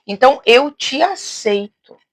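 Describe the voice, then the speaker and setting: Woman, loud expansive talker, high voice, dry close sound, casual teaching. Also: animated, a little slow, dry recording. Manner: frequent tag questions and restarts. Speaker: teacher and host. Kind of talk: casual teaching on faith and psychology.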